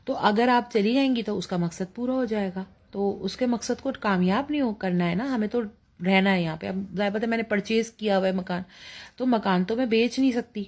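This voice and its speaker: A woman's voice: medium pitch, darkish tone. Woman telling a ghost story in Pakistani Urdu. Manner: storytelling with many fillers, acting out her mother's lines. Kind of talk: personal ghost story told casually.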